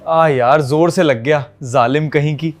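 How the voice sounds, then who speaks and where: A man's voice: a little high, steady tone, soft background music. A man with a Pakistani Urdu accent, playing the teasing husband in a scripted couple vlog skit. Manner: playful teasing banter. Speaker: vlogger husband.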